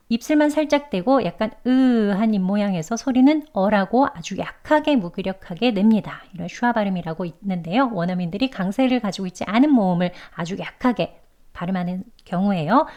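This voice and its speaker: Patient female pronunciation teacher, native Korean speaker, mid-pitched voice, drawn-out demonstrations of sounds. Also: darkish tone. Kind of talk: pronunciation lesson.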